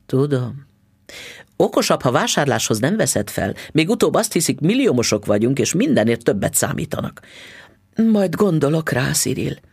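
A woman's voice: low voice, very animated, vocal fry, a little mellow, breathy edge, dry recording, clean studio sound, exaggerated voice. A man voicing a fretful, scheming middle-aged wife who stammers when flustered. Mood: flustered sweet.

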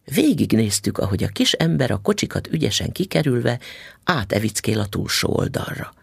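A man narrating an audiobook with expressive storytelling. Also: medium pitch, creaky, breathy edge, no echo, clean studio sound.

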